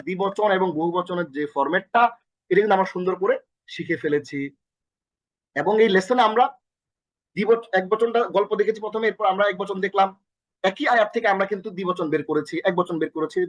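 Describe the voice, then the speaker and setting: A man's voice: sits high, fairly bright tone, no room sound. A man teaching a recorded Arabic lesson with energy, often repeating himself and quizzing the listener, with a Bangladeshi accent.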